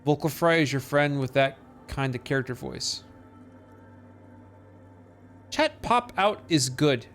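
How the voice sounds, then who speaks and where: A man's voice: mid-range voice, animated, slow pace, fairly bright tone, faint music behind. A man streaming a game, chatting casually and swearing freely. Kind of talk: casual gameplay commentary.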